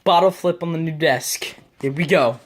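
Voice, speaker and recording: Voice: mid-range voice, normal speed, slight background noise. A casual vlogger rambling through a computer desk setup, filmed on a phone in a small room. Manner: rambling, chatty, trails off mid-sentence. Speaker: channel host. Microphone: phone camera.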